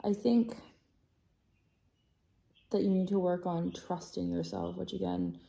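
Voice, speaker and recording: A woman's voice: fairly low pitch, huge pitch swings, measured pace, creaky, dark tone, roomy sound. A woman giving a casual tarot reading to camera, chatty and rambling, often correcting herself and apologizing while checking her notes. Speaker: tarot reader.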